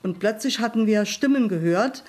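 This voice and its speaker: A woman's voice: medium pitch, a little mellow. Woman telling a suspenseful travel story. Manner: vivid storytelling, speeding up and slowing for suspense. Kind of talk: spoken anecdote.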